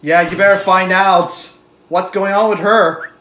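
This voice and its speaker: A man's voice: high-pitched, fairly even intonation, a little slow, a bit bright, reverberant. A man hosting a reaction video, chatting casually and restating what happens on screen.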